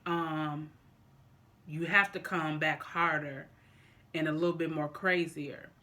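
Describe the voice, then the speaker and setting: A vlogger talking casually and deliberately to viewers, often repeating and rephrasing in a halting way. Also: mid-range voice, steady tone, sharp tone. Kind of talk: casual opinion talk to viewers during a mukbang.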